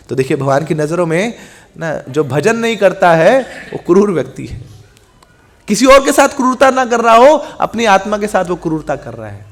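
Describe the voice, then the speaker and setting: A man preaching a scripture class in Hindi, telling the story in a lively way, acting out the dialogue, asking rhetorical questions and mixing in words. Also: a little high. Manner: lively storytelling, acts out the gods' dialogue, mixes in English words; asks the audience rhetorical questions and answers them.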